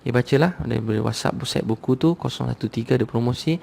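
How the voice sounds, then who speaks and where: Male Malaysian preacher, gravelly voice, urges the crowd in a loose, repetitive sermon style. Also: medium pitch, fast talker, a little mellow, a little hiss or hum. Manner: conversational, repetitive, urging the crowd. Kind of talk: sermon to a live audience.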